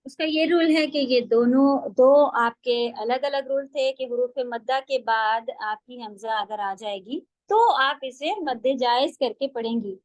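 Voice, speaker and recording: A woman teaching a recitation class online, explaining rules and slowly drawing out model sounds for her students. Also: a little high, no room sound, rough recording.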